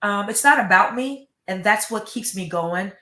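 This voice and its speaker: A woman's voice: mid-range voice, animated, normal speed, sharp tone. Earnest middle-aged woman superintendent, echoey. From United States. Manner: earnest, emphatic, repeats words. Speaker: school superintendent. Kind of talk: interview answers.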